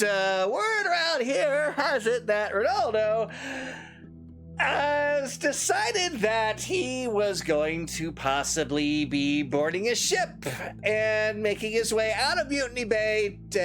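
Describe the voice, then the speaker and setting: A woman's voice: on the high side, lively intonation, takes it slowly, a bit bright, soft background music. A woman playing a cowardly, sly little merchant who stammers furtively in tabletop role-play.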